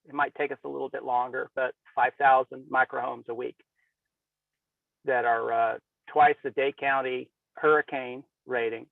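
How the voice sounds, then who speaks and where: A man calling in by cell phone while driving, speaking in a halting, rambling way with many fillers and restarts. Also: medium pitch, level tone, creaky, no echo. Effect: calling in by cell phone from a moving car. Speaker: caller. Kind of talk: call-in open mic. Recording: tinny distant phone line.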